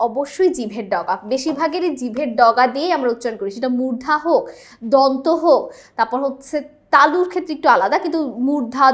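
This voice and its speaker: Woman tutor, high voice, patient step-by-step walk through exam answers, keeps asking if students follow. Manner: explanatory, often checks in with the students. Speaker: teacher. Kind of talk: exam-prep lesson, solving multiple-choice questions.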